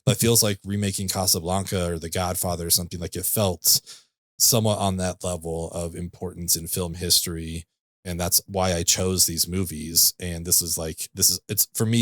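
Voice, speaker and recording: Casual podcast host, male, deep voice, dry recording, enthusiastic. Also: no echo. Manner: enthusiastic, laughs often. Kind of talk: casual chat.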